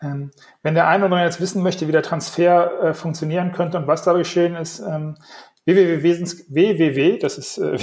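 Man hosting a podcast, somewhat high voice. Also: gravelly, a little mellow. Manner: thoughtful, searching questions, addresses listeners. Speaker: podcast host. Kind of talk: podcast interview.

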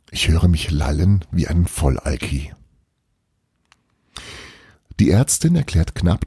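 Husky, gravelly low-voiced man reading. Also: no echo, studio quality. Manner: hushed, often half-whispered reading. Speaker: audiobook reader. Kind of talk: first-person literary reading.

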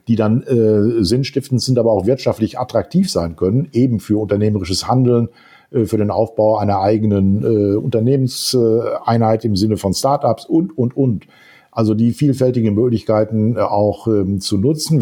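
A man talking thoughtfully in a discussion, pausing often with fillers and building long winding sentences. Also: medium pitch, dark tone, husky. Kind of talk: casual discussion.

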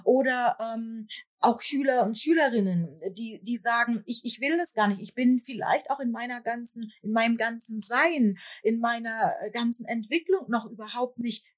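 Sex: woman. Pitch: fairly high. Role: school principal and author. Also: moderate pace. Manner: reflective, hesitant with many fillers. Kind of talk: conversational interview.

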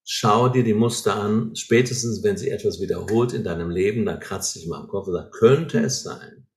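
An earnest man at a moderate pace teaches through his ideas conversationally, his voice fairly low. He regularly pauses for brief questions to confirm the listener is keeping up, and a clear echo fills the roomy setting.

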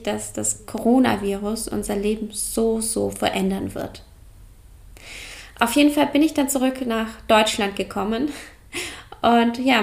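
A young woman hosts a yoga and mental health podcast in a calm, personal way. Her voice sits a little high and carries a gravelly fry. She talks directly to the listener. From Germany. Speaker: podcast host, yoga coach. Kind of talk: reflective solo podcast talk.

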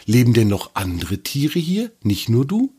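A man's voice: mid-range voice, wildly swooping pitch, unhurried, dark tone, slightly rough, voice pushed up, exaggerated voice. A man voicing a small, adventurous and polite male troll in a children's story, speaking in a raised, earnest voice. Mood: curious. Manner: earnest, apologetic.

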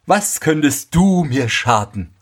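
A man's voice: on the high side, big pitch swings, slow, pitched above the performer's own voice, heavily acted. A man doing a wailing, self-pitying carter. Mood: scoffing. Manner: wailing laments, dismissive grumbling. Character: gruff stubborn male carter, self-pitying.

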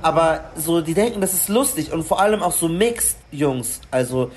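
A woman's voice: sits low, animated, moderate pace, darkish tone, slight background noise. A woman speaking frankly in a casual discussion, telling personal stories with frequent restarts.

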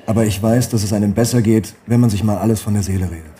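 A man playing a quick, coaxing detective. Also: on the low side, fairly even intonation, dark tone, slight background noise, lightly acted. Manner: patient and coaxing. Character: calm, coaxing male police detective.

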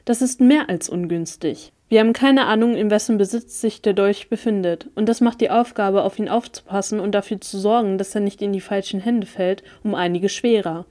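A woman's voice: mid-range voice, moderate pace, dark tone, close to an everyday voice. A woman reading the lines of a laid-back, secretive young man who turns sardonic and irritable. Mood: wry.

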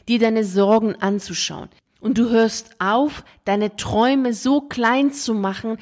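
Woman, coach, earnest direct-address motivational talk, repeats phrases for emphasis. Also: medium pitch. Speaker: career coach for teachers. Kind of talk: motivational monologue to camera.

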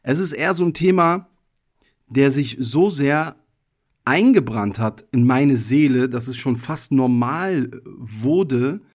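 A man's voice: mid-range voice, expressive, takes it slowly, a little mellow. Reflective man hosting a podcast. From Germany. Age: 30s. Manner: thoughtful, personal, loose with frequent hedging fillers. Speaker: podcast host. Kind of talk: casual reflective monologue.

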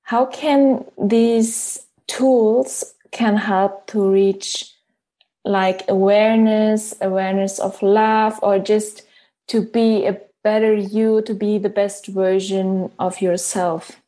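Slow, halting woman searching for words. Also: mid-range voice, steady tone, mellow. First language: not English. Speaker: interviewer. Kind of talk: interview.

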